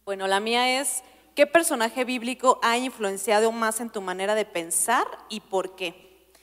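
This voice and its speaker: A woman speaking thoughtfully and at a measured pace. Her voice is somewhat high and carries a long reverb. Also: a bit bright. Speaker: women's group member. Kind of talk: casual reflection. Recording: reverberant room.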